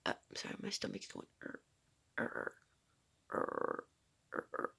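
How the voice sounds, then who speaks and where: A woman's voice: slow, pushed and bright. A young woman vlogging from her room at home in rambling, giggly casual chat, often dropping into a whisper.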